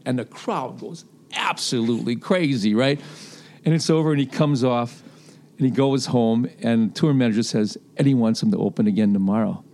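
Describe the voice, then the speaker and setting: A man from a festival's booking team telling animated stories in an interview, acting out what people said. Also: mid-range voice. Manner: animated anecdote teller, acts out quotes. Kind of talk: storytelling interview.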